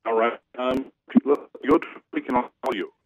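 A man's voice: medium pitch, steady tone, moderate pace, no room sound. Brief: hesitant man on a dull phone line. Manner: rambling, with many hesitations. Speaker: financial advisor, regular guest. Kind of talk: casual radio chat. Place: cabin in the woods. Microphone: phone or internet call.

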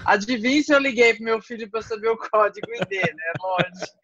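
A woman's voice: mid-range voice, normal speed, a bit bright, slightly rough, no echo. Brazilian woman heard over a call. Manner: chatty, playful. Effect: heard over a call line. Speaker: guest. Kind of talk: casual chat. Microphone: call from home. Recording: muffled call audio, faint music behind.

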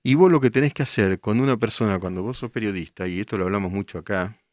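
Older argentine guy on radio, low voice, dry studio mic, firing off rhetorical questions. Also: quick pace, no echo. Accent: Argentine Spanish. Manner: emphatic, rhetorical questions, pointed. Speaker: radio host. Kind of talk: live radio talk answering listener messages.

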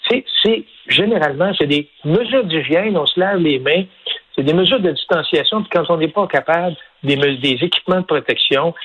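A man with a Québécois French accent speaks as a radio guest, laying out his points one by one. He is deliberate, with frequent fillers and restarts. His slightly husky voice comes through a muffled, lo-fi line. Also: on the high side. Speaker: business association president, guest. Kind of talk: radio interview, explaining policy.

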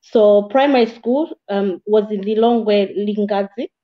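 A woman from Malawi, a guest in an interview, telling her life story in a measured, plain way with small restarts. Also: mid-range voice. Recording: slightly dull, muffled audio.

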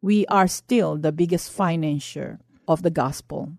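A woman's voice: low-pitched, a little slow, vocal fry, a little mellow, no echo, clean studio sound. Earnest Filipino woman giving testimony. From Philippines. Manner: earnest, impassioned. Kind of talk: personal testimony and exhortation.

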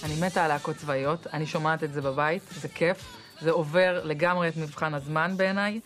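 A woman's voice: low-pitched, fairly even intonation, fairly bright tone, faint music behind. A female comedian speaking enthusiastically in casual commentary.

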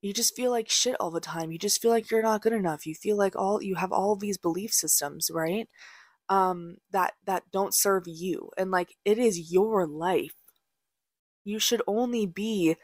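A woman's voice: fairly low pitch, no room sound, studio quality. A young adult woman hosting a podcast, giving casual spiritual advice in a candid, blunt way, swearing freely and using many fillers. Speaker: podcast host.

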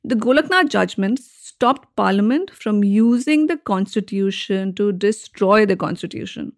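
A woman's voice: medium pitch, no echo, studio quality. A woman with an Indian accent hosting a podcast, narrating scripted explanations in a conversational way with wry asides and rhetorical questions. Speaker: podcast host.

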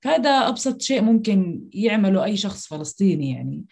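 A woman's voice: mid-range voice, big pitch swings, fast, gravelly, darkish tone, breathy edge. A woman from Palestine with a Palestinian Arabic accent, answering in a conversational interview in an earnest, explanatory way. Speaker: interview guest, activist.

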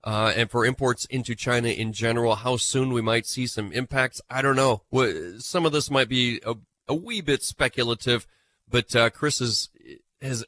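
A man's voice: medium pitch, pushed and bright. A man filling in as host of a live farm radio show, sounding nasal from a cold and talking in a chatty, self-mocking way.

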